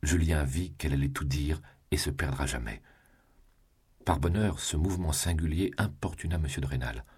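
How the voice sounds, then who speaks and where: A man reading a novel aloud in a measured, grave narrating voice. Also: extremely low pitch, husky. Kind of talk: scripted audiobook narration.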